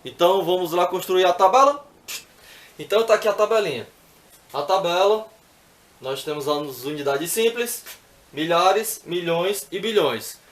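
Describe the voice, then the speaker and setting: A man's voice: sits high, reverberant. A man teaching math, working through exercises patiently step by step and often checking in with the viewer.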